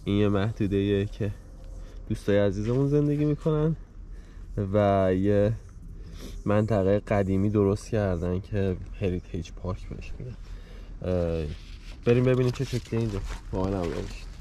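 A man's voice: on the low side, dark tone. A man in his thirties giving casual travel vlog commentary into a handheld camera while showing places around him. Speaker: travel vlogger. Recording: dull sound with ambient noise.

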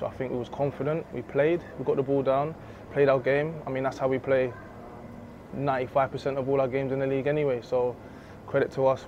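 A young man, a footballer giving a relaxed, candid post-match interview into a handheld mic in an empty stadium. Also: medium pitch. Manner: relaxed, candid, laughs easily. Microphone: handheld reporter mic. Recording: slightly dull outdoor audio with faint noise.

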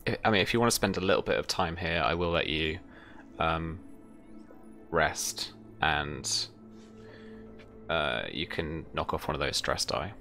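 A young man with an extremely low, sharp-toned voice runs a tabletop roleplaying game as game master, speaking at a measured pace. He's indoors at home on a video call, with music playing behind him.

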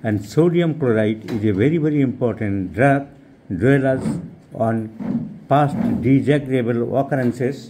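Male homeopathy teacher, measured and repetitive delivery. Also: mid-range voice, noisy background. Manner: slow, emphatic, repeats key phrases. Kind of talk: explaining a repertory rubric.

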